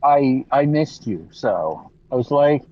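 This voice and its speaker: A slow-talking man sounding muffled, as if through a wall, his voice dull and lo-fi over voice chat from a car. He jokes around easily in relaxed banter. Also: mid-range voice. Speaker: guest joining a game stream by voice chat. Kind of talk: casual chat. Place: inside a car.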